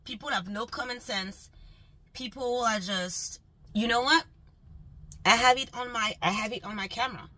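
A woman's voice: a little high, normal speed, bright, forceful tone, dry recording, rough recording. A woman delivery van driver venting in an exasperated, emphatic rant while driving, with road noise behind her. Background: road and engine noise.

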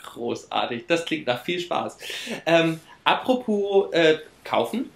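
Effusive male talk show host, higher-pitched. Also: big pitch swings, slow pace, vocal fry, reverberant. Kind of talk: late-night show presenting and interview. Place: indoor studio set.

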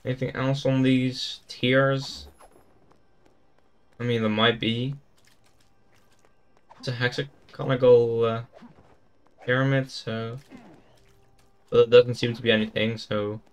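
A man's voice: mid-range voice, little pitch movement, takes it slowly, pauses often, clean tone. A man giving casual gameplay commentary, thinking aloud in an easygoing way as he explores a game. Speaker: gaming YouTuber.

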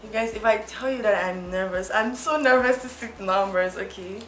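A woman's voice: medium pitch, a little fast, a bit bright. A young woman from Nigeria, chatting and giggling through a makeup tutorial vlog, teasing herself as she goes. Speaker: beauty vlogger. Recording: roomy echo, faint music.

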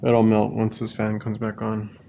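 Male refrigeration tech, plain-spoken and even, gravelly tone, head-cam audio with loud equipment noise. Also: lowish voice, normal speed, highs cut off. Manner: relaxed, plain-spoken, explains as he works. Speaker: refrigeration technician. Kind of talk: casual on-the-job narration. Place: inside a walk-in cooler. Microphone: head-mounted action camera.

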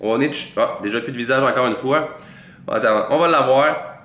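Congested from a cold, a fitness vlogger in his twenties with a Québécois French accent gives a playful, mock-boastful tutorial to camera. His mid-range voice is a bit bright and moves at a moderate pace. He's recorded on a large studio mic in front of him, in a small, echoey room with a green-lit wall.

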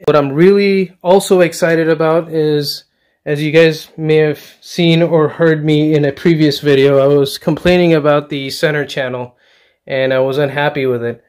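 A man's voice: a little high, fairly even intonation, moderate pace, a little mellow, clear, resonant tone. Chatty middle-aged man touring his home theater. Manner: enthusiastic, hesitant with fillers and restarts. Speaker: home theater hobbyist vlogger. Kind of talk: casual walkthrough narration. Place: dark basement home theater room, indoors.

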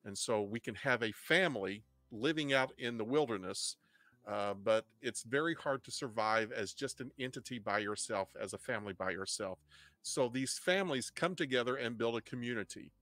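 A man's voice: medium pitch, lively intonation, moderate pace, sharp tone, no echo. Middle-aged man with an Ozark twang. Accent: Ozark Missouri twang. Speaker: host, history teacher. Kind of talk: informal online history lecture. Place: indoor home studio. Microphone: desk microphone up close, headset on.

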